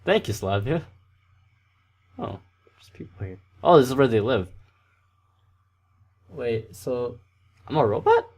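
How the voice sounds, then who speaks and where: A man with a fairly low voice reads game text aloud in a loose, casual way. He stumbles on words and corrects himself as he goes, in an unpolished gaming-video style. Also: creaky, dark tone. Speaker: let's play host. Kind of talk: reading a visual novel aloud.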